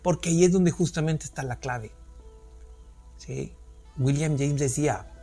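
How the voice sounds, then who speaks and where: Male podcast host, slightly high voice, earnest explainer, faint music underneath. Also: unhurried, mellow. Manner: earnest, explanatory, asks rhetorical questions. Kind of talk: reflective solo podcast talk.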